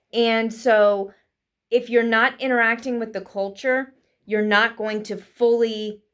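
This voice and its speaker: A woman giving a casual spoken lesson with tips for English learners, talking quickly with frequent fillers. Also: mid-range voice. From United States. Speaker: vlogger teaching English learners.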